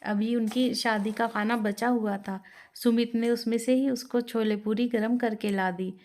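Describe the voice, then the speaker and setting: A woman narrating a moral story in a steady, plain storytelling manner. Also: a little high, a little slow.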